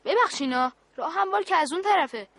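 Actress playing a calm kid commander in a radio play; very high voice, dry and close. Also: female voice, dry recording. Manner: polite, calm, in charge. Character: young boy leader of a war game.

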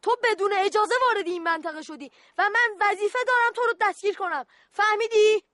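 Actress as a bossy kid guard in a radio play; very high, sharp-edged, dry studio read. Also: female voice, dry recording. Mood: stern. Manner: stern, officious, scolding. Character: bossy young boy sentry playing war.

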